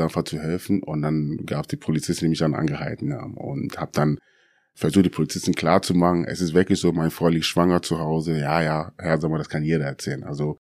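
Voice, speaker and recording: A man's voice: low voice, a little mellow, dry recording, studio quality. A middle-aged man, a former footballer, telling a story as an interview guest and acting out the quoted dialogue in it.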